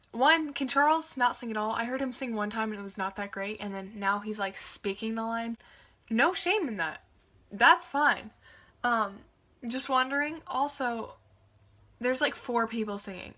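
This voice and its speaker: A woman's voice: fairly high pitch, normal speed, bright, forceful tone. A young woman giving casual reaction commentary, chatty and wry, full of "like" fillers and amused asides. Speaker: video reactor.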